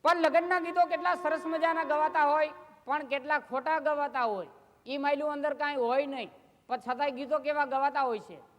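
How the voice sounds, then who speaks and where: High-voiced comic storyteller. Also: male voice, steady tone, moderate pace, a bit bright. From Gujarat, India. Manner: chatty anecdotal storytelling, acting out neighbours' questions. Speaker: folk comedy storyteller. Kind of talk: live stage comedy storytelling. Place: live stage show. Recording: long hall reverb.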